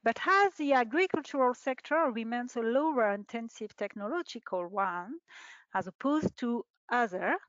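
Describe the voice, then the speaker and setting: A middle-aged woman, a researcher, reading a prepared presentation in a measured, formal way over a video call. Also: on the high side, a bit bright, no echo. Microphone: video call webcam. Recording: dull lo-fi webinar audio.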